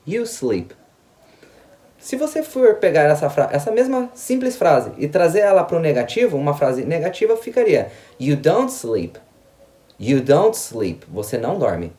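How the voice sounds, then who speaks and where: An English teacher with a Brazilian Portuguese accent gives a grammar lesson, tagging lines with "ok?" and "né?" and repeating example sentences slowly. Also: medium pitch, mellow. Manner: tags lines with "ok?" and "né?".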